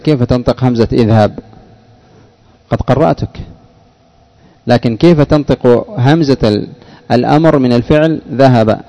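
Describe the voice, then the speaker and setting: In a classroom, a man explains grammar rules and quizzes students by name during the lesson. His voice is mid-range and mellow.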